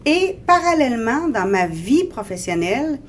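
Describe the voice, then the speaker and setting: In a radio interview, a Québécois woman in her forties, there as a guest author, reflects earnestly on her experiences. She speaks at a normal speed in a high, very animated voice, with slight hiss or hum in the background.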